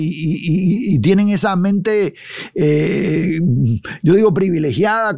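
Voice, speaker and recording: A man with a fairly high voice leads a verse-by-verse Bible study. He often pauses on filler sounds and restarts his phrases. He speaks straight to the listener like a preacher. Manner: addresses the viewer directly and warmly as a preacher. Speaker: Bible teacher.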